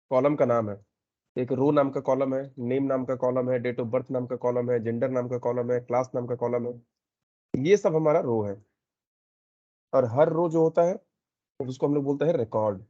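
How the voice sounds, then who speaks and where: A man teaching a programming lesson, explaining step by step and often checking in with a quick "okay". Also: medium pitch, dark tone, muffled recording. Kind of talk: screen-recorded coding lesson.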